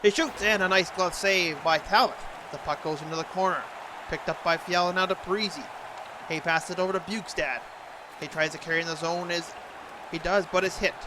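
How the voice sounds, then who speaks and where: A man's voice: high voice, steady tone, a little fast, crowd noise, noisy background. A man doing amateur hockey play-by-play commentary for a video game in short clipped phrases, in the style of a sports announcer.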